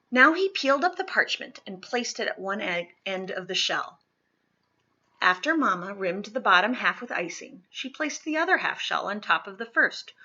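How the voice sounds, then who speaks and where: A woman with a medium-pitched voice that's bright, forceful and husky reads a children's historical fiction storybook aloud with dramatic flair, swelling on key words and dropping to a hush on others. The recording sounds a little dull and lo-fi.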